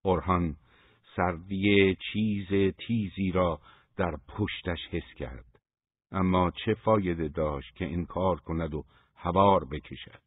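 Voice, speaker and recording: Male audiobook reader, deep and husky, measured pacing, dry phone-like recording. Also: dry recording. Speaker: audiobook narrator. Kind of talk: scripted audiobook narration. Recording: dry, phone-like narrow sound.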